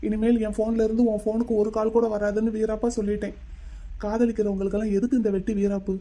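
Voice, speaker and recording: Rich: A man plays a heartsick young man in a cartoon romance, musing aloud to himself. His voice sits high for a man but sounds very dark and mellow. He broods more than he speaks outright. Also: flat delivery, fast, natural voice. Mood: wistful. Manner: brooding, talking to himself and to a lamb. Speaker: male lead of a cartoon love story. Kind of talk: cartoon voice acting.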